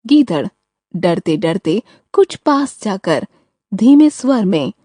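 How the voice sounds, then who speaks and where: A woman's voice: mid-range voice, big pitch swings, slow, warm tone, no echo, clean studio sound. A woman narrator reading the stage directions and speaker cues of a school audio drama. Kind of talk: scripted narration.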